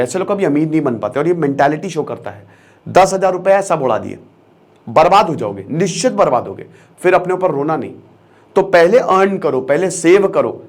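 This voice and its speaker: A young man giving an emphatic motivational lecture as an online educator, switching between Hindi and English and repeating key phrases for stress. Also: on the high side.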